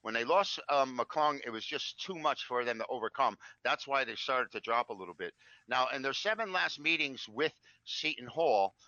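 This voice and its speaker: A chatty man co-hosting a sports betting show, rattling off records and trends in a very bright, forceful voice. The sound is dry and a little dull, like a lo-fi recording. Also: medium pitch, lively intonation, moderate pace, no room sound. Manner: chatty, rambling, stacks up stats.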